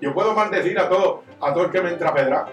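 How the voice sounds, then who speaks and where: A man preaching a sermon as pastor, impassioned and swinging from loud to hushed. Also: high-pitched, very fast, far from the mic, highs cut off. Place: church. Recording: echoey church room, miked from afar, soft guitar behind.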